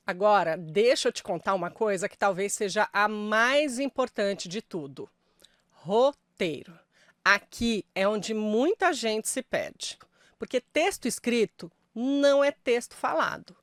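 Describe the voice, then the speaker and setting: A woman's voice: medium pitch, a bit bright, dry recording, studio quality. A middle-aged woman with a Brazilian Portuguese accent, a journalist giving emphatic, friendly voice-over tips straight to the viewer. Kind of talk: direct-to-camera voice tips.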